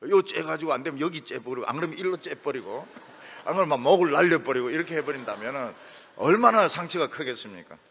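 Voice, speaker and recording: Middle-aged pastor guy preaching, gravelly and husky, super animated, big echoey church hall. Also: fairly high pitch, fast. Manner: animated, acts out quoted voices, lively storytelling. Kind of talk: sermon. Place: church sanctuary. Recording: long reverb of a church hall.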